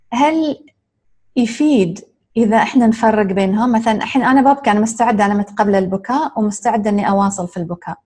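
A woman interviews a guest and asks long questions, rephrasing them as she thinks aloud. She talks quickly, at a middle pitch for a woman. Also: darkish tone. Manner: thoughtful, rephrases her questions at length.

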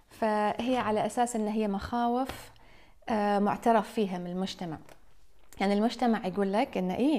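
A mother with a medium-pitched, darkish voice talks casually and reflectively to her live stream viewers. She puts questions straight to them, addressing them directly.

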